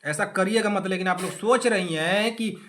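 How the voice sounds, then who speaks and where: A man with a high, bright voice teaches an online exam class in with a tinge. He scolds his students in a playful, sarcastic way and repeats his points over and over. He talks straight into a close mic. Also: normal speed.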